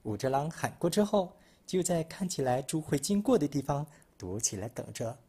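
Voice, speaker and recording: A man from Malaysia narrating a children's picture book, expressive storytelling. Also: on the high side, moderate pace, breathy edge.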